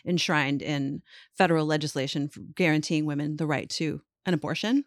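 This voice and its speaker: A woman co-hosting a podcast in casual chat, frank and quick to laugh, swearing freely. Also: low voice, no echo, studio quality. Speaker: podcast co-host.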